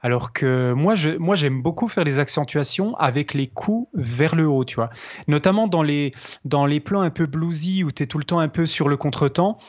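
A man, a guitarist co-host explaining technique in casual chat, pausing to find his words. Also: a little high, lively intonation. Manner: explanatory, pauses to search for words. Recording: slightly dull lo-fi sound.

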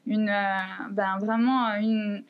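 A woman's voice: medium pitch, flat delivery, slow. Young woman with a dull, lo-fi sound. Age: 20s. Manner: hesitant, many fillers. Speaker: guest, long-distance cyclist. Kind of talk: podcast interview.

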